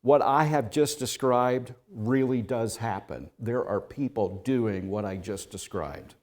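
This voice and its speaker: In an unhurried, medium-pitched voice, a male pastor preaches and tells a story addressed to "you." His delivery climbs from hushed passages to loud ones.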